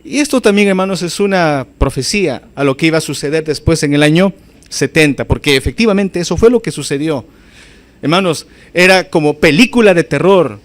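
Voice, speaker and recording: Speaking briskly in an expressive, rather high voice, a man delivers an emphatic sermon as pastor. He repeatedly appeals to his brothers and sisters, pitching his voice sharply upward on the phrases that matter most.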